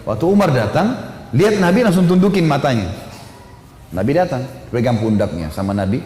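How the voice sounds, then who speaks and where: A man telling a story as a sermon, animated and casual, voicing the people in his story and dropping in filler tags. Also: medium pitch, fairly quick. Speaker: preacher. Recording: echoey hall with faint ambient noise.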